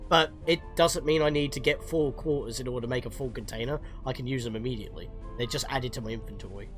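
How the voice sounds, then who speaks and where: A man commentating as he plays a video game live, chatty and quick to exclaim. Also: medium pitch, over music. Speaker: streamer playing a game. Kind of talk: live let's-play commentary.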